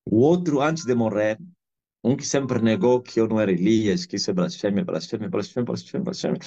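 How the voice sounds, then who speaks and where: A man's voice: fairly low pitch, a little fast, warm tone. Angolan preacher repeating his points. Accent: Angolan Portuguese. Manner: emphatic, repeats phrases for weight. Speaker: apostle and preacher. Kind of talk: sermon over a live video call. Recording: slightly muffled online call audio.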